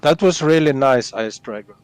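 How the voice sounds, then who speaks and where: A man's voice: medium pitch, normal speed, clear, resonant tone, dry recording. Easygoing man in voice chat. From Sweden. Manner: friendly, easygoing, adds many small fillers. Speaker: fellow flight-sim pilot on the stream call. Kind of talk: casual voice chat.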